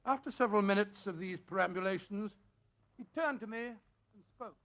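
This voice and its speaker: Genial old English doctor and loyal companion, avuncular radio storyteller, high-pitched and forceful in tone. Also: male voice, normal speed. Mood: grave storytelling. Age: older. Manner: avuncular, hesitant, repeats phrases. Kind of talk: 1940s radio drama acting.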